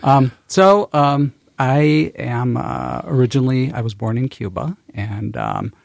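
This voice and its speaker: A man's voice: medium pitch, expressive, a little slow, gravelly, no room sound, clean studio sound. A man in his fifties, a school superintendent, answering radio interview questions hesitantly with many ums.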